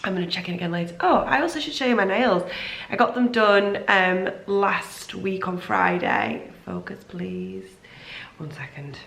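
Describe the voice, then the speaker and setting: Talking to camera from home in an echoey room, a young vlogger who lost her voice after a cold chats and rambles in a self-deprecating way. Her medium-pitched voice is sing-song and fairly bright with vocal fry, at a normal speed.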